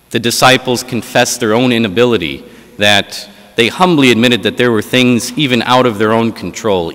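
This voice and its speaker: Low-voiced priest in a cathedral-like echo. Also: male voice, fairly bright tone. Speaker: priest giving gospel reading and homily. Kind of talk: liturgical reading and sermon. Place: large reverberant church. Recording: cathedral-like echo, long hall reverb.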